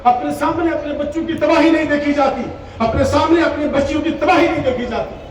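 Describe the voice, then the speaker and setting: Heavy echo surrounds this distant, faintly noisy public address recording of a high-pitched cleric from Poonch in Jammu and Kashmir, India. Addressing a large religious gathering from a stage in Urdu, he speaks a little fast with fairly even intonation, his impassioned, emphatic exhortations full of rhetorical repetition.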